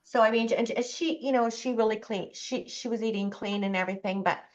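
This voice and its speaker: A woman's voice: on the high side, brisk. A woman talks over slightly dull, muffled call audio. She rambles and searches for words, choosing what she says with care. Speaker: practitioner on the call.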